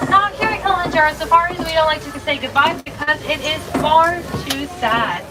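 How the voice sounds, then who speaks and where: High-voiced woman guide over a loudspeaker. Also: fairly quick, distant mic. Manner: cheerful, addresses riders as friends. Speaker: safari ride guide. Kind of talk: scripted tour spiel. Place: open-air safari truck outdoors.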